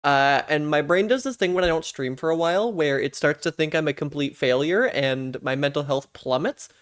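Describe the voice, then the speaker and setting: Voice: medium pitch, moderate pace. A live streamer chatting casually with viewers in a playful, self-deprecating gamer manner. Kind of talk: casual livestream chat with viewers.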